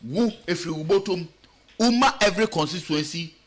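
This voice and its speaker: A political commentator with a Ghanaian accent gives radio talk show commentary, firing off rhetorical questions and switching between English and Twi. His voice is high-pitched at a normal speed.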